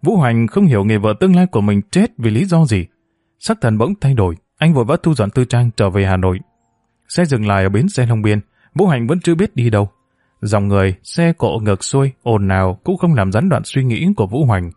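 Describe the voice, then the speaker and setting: A man narrating a novel as an audiobook in a steady, measured storytelling voice. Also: mid-range voice, dry recording, studio quality.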